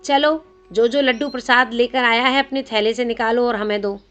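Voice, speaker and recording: A woman's voice: a little high, fairly even intonation, normal speed, fairly bright tone, lightly acted. A woman voicing a teasing young man. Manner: teasing, coaxing. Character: playful teasing young man, a divine youth. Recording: slightly dull audio.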